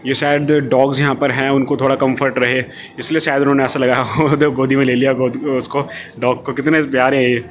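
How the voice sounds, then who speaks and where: Shooting on his phone, a man walks viewers through a dog-friendly cafe with indoor-outdoor seating, chatty and explaining each thing, peppered with filler words. His medium-pitched voice is flat in delivery and fairly quick. There's a little hiss or hum in this casual vlog.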